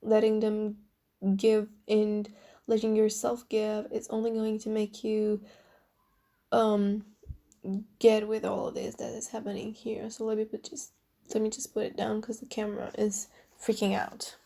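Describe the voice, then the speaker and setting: A woman's voice: medium pitch, completely flat delivery, measured pace, creaky, mellow. A young woman giving a casual tarot reading to her viewers, chatty and earnest, who says she is losing her voice. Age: young adult. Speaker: tarot reader.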